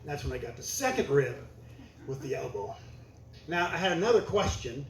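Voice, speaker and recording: A man's voice: fairly high pitch, moderate pace. A man doing stand-up comedy, telling a story in a dry, conversational, punchy way. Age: older. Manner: deadpan, conversational, punchy delivery. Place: comedy stage before a laughing audience. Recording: echoey club room, faint hiss.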